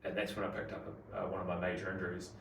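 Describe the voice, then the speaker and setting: Low-voiced man with a broad Kiwi accent. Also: completely flat delivery, racing. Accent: broad New Zealand. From New Zealand. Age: 40s. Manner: colloquial and slangy. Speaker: podcast guest. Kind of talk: casual interview chat. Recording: roomy echo, distant mic, faint noise.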